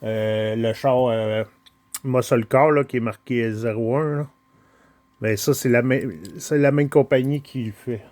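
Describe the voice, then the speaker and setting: Homme lent à l'accent québécois. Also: male voice, medium pitch, fairly even intonation, a little mellow, no room sound. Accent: Quebec French. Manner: slow, hesitant, full of pauses and filler sounds. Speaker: toy car collector showing his collection. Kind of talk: casual unboxing vlog.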